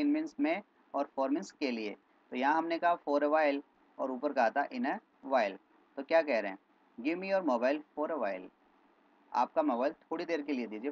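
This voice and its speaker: A man teaching spoken English in Hindi, explaining phrases and slowly repeating example sentences. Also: a little high, highs cut off.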